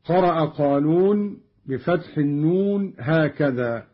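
Slow, husky man explaining on old radio. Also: a little high, lively intonation. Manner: measured, carefully spelled-out phrasing. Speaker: teacher of recitation readings. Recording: dull lo-fi old radio recording.

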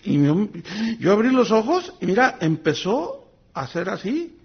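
A man, a pastor telling a story in a folksy, animated sermon, speaking straight to the congregation. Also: sits high, measured pace, breathy edge, highs cut off.

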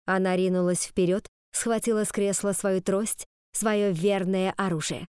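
A woman reading an audiobook in first-person narration with a measured storytelling delivery. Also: mid-range voice, steady tone, a little mellow, clean tone, no room sound, studio quality. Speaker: audiobook reader.

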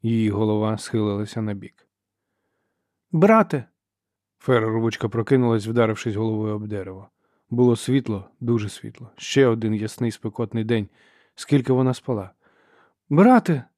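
A man reading a novel aloud as an audiobook narrator, in steady, measured storytelling. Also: fairly low pitch, no room sound, clean studio sound. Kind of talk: scripted narration.

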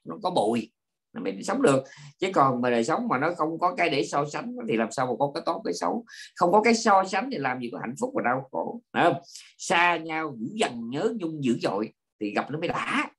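A man, a Buddhist monk giving an informal dharma talk, lively and full of fillers and repeated words. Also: a little high, husky. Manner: lively storytelling with frequent fillers and repetitions.

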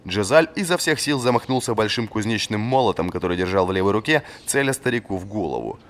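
A man narrating a fantasy audiobook in a lively, expressive scripted reading. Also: on the low side, fast talker.

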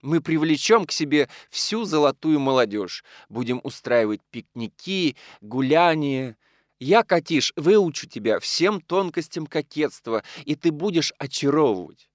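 A man's voice: on the high side, big pitch swings, a little slow, no room sound, studio quality, pitched above the performer's own voice. A man voicing a vain, coquettish old colonel's widow who speaks grandly and condescendingly. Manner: affected and condescending.

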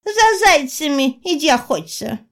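A woman's voice: sits high, big pitch swings, measured pace, voice pushed up, full character voice. A woman voicing a bold, cheeky young village girl in an audiobook, speaking in a teasing singsong. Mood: playful. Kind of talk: audiobook character voice.

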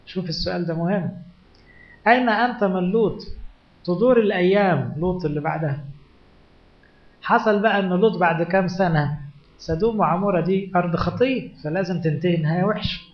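A man's voice: high voice, fairly quick, long pauses. A male priest with an Egyptian Arabic accent delivers a sermon at a conference, pressing his listeners with rhetorical questions and retelling scripture dramatically. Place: conference hall. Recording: echoey hall, dull lo-fi conference tape.

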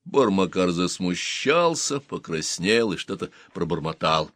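A man narrating an audiobook in an expressive storytelling manner. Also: deep voice, measured pace, no room sound.

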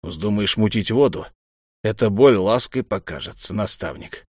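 Man playing a curt threatening warrior, grumbling low. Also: animated, normal speed, no echo, clean studio sound. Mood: gruff threat. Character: gruff threatening male warrior.

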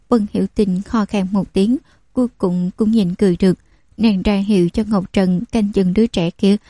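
A woman narrating an audiobook with steady, even storytelling. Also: mid-range voice, dry recording.

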